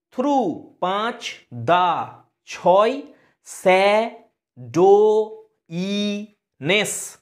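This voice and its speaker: A woman's voice: medium pitch, a little mellow. A woman teaching English poetry for exams, explaining step by step and counting syllables aloud for her students. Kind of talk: exam-prep poem analysis lesson.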